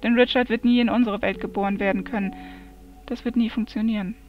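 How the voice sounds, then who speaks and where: A woman whispering as a calm dark fairy. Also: a little high, fast, natural voice. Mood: soothing. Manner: soft, whispering. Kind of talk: amateur fantasy audiobook reading. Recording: dull lo-fi recording, soft music behind.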